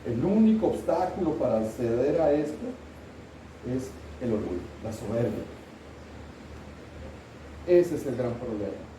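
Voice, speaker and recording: A man's voice: medium pitch, sing-song, a little slow, pauses often, mellow, reverberant, recorded from a distance, a little hiss or hum, rough recording. A middle-aged man, preaching a sermon as pastor and asking the congregation questions. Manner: earnest, asks the congregation questions. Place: church sanctuary.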